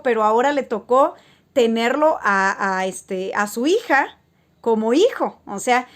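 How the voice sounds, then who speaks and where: A woman talks casually to camera, spinning stories for her viewers. Her voice sits slightly high, and she rambles along with plenty of fillers and false starts. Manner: rambling, frequent filler words and restarts. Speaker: spiritual vlogger.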